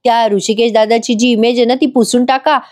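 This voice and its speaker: Woman reading a sly young wife sweet-talking her husband, highish voice. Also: fairly even intonation, fairly quick, a little mellow, lightly acted. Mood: coaxing. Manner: coaxing, persuasive. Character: scheming young wife, coaxing and manipulative.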